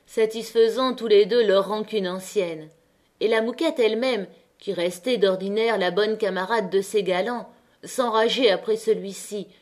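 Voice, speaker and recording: A woman narrating a classic novel as an audiobook, with measured, dramatic reading. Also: mid-range voice. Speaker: audiobook reader.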